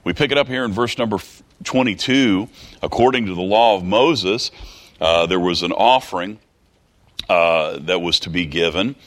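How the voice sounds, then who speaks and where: A man preaching in a slightly low voice. His delivery is folksy, and he circles back over his phrases before he builds up to emphatic peaks. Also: moderate pace, a bit bright. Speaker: pastor. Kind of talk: sermon.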